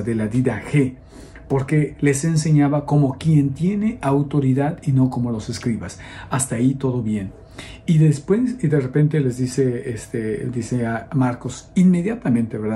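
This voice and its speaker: Mellow-voiced priest giving a chatty homily. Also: male voice, mid-range voice, a little hiss or hum. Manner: conversational, frequent fillers and checks with the listeners. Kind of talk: homily on the Sunday gospel.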